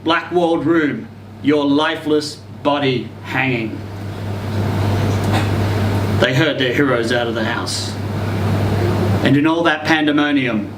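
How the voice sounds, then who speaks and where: Slowly and with long pauses, a man with a mid-range voice reads a short story aloud at a live literary event, theatrically voicing the quoted passages. He is in an indoor social venue. The sound is roomy and far off, with a noisy hum.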